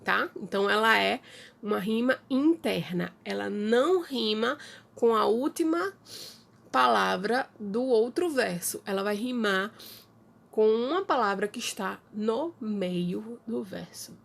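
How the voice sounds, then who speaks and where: A woman with a Brazilian Portuguese accent teaches an online class from home. She speaks slowly, pausing often, and her fairly high voice carries a gravelly creak. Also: lively intonation. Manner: slow, halting explanation with many fillers.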